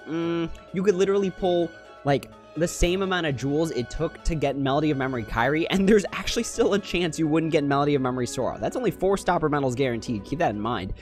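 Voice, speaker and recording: A man with a slightly high voice talks into a livestream headset mic, picking apart game numbers out loud in a critical, analytical way. Faint music plays underneath. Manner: analytical, critical, thinking aloud. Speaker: mobile game streamer. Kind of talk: casual livestream commentary.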